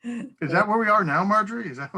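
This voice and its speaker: Bright-voiced man chairing a public hearing. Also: sits high, animated, fairly quick, low-quality recording. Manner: easygoing and procedural, with light laughs. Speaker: council meeting chair. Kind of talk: chairing a public hearing over video call. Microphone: video call.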